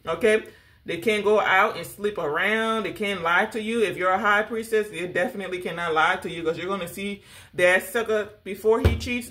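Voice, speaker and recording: A woman's voice: medium pitch, a bit bright. A woman giving a casual spiritual tarot reading, sassy and direct, calling the listener honey and baby. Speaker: tarot reader.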